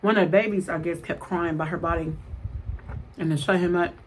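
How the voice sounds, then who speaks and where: A woman's voice: fairly low pitch, fairly even intonation, a little fast. A middle-aged woman chatting casually and in a rambling way to the camera as a vlogger, blunt and emphatic, often repeating herself. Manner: blunt, emphatic storytelling with repetition. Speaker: mukbang vlogger. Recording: clearly noisy home recording.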